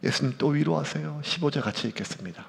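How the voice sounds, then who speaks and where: A male pastor delivering an emotional sermon in a church, at times dropping to hushed, near-whispered lines. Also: a little high, animated, fast, gravelly, a little hiss or hum. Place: church sanctuary. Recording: church hall reverb.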